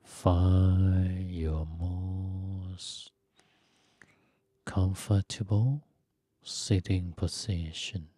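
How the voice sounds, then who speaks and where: Male meditation teacher, guided meditation, mellow dark tone, husky, step-by-step relaxation cues. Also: deep voice, very slow, no room sound, studio quality. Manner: calm, repetitive step-by-step relaxation instructions; simple non-native English phrasing. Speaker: Buddhist monk and meditation teacher.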